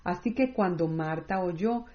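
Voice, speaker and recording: A woman reading scripture aloud in a measured, scripted way, with no commentary. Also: lowish voice. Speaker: Bible reader. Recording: roomy, slightly dull recording.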